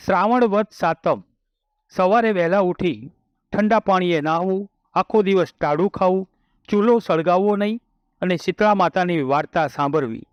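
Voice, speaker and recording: A man tells a devotional folk tale at a steady, measured pace, his voice sitting somewhat high. The sound is close and dry, with a dull, muffled lo-fi tone. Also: no room sound. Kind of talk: scripted devotional story narration.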